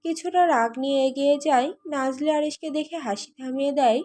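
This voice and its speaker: High-voiced woman reading a romance story. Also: brisk. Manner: steady storytelling. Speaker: audiobook narrator. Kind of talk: scripted narration.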